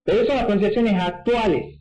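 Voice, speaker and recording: High-voiced man teaching in an echoey room. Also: quick pace, darkish tone, lo-fi sound. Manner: didactic, frequent checking "¿sí?" asides. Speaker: preacher teaching at a whiteboard. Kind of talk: explanatory Bible teaching.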